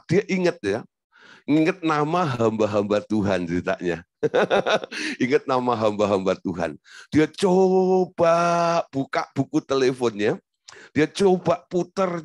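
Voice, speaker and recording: A man's voice: medium pitch, no echo, studio quality. A male pastor preaching a sermon, telling a story, acting out quotes and asking the congregation rhetorical questions.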